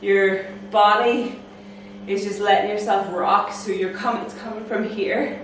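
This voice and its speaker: A woman's voice: medium pitch, steady tone, unhurried, background noise. A young woman vlogging casually, chatty and full of fillers as she explains a workout move step by step. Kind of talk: casual fitness vlog talk. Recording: echoey room, voice from far off.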